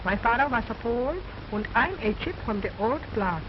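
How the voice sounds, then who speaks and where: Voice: medium pitch, animated, brisk, close to an everyday voice. A performer voicing a cheeky, boastful wooden boy dummy in an old ventriloquist stage act, wisecracking in broken English. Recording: muffled old film soundtrack, loud noise.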